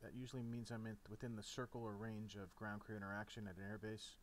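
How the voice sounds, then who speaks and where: A man with a lowish voice talks fast as he narrates a casual, step-by-step flight simulator tutorial. The game sound is off, leaving only clear, steady background noise.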